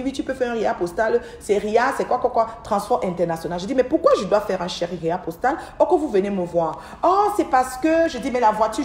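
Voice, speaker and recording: A middle-aged woman tells a long, rambling story to her livestream viewers, often restarting and repeating words. Her voice has a middle pitch for a woman. The recording is echoey, as in a bare room at home. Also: a little mellow, slight background noise. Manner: chatty, speaks straight to her viewers. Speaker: livestream host. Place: at home, by an aquarium. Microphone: livestream device mic.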